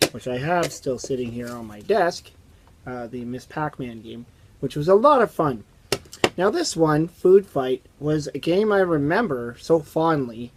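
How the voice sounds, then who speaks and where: Hoarse, raspy man chatting casually. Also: mid-range voice, a little mellow. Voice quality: raspy, strained voice. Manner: rambling, conversational storytelling. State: hoarse from strained vocal cords. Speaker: host of a retro video game channel. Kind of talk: casual chat to camera. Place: indoors, small basement game room.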